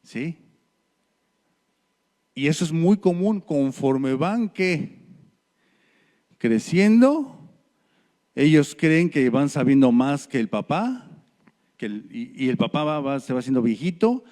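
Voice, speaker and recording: A middle-aged man with a Mexican Spanish accent, preaching a sermon in a church, telling stories and swinging his pitch and loudness. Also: very animated, slow pace, pauses often.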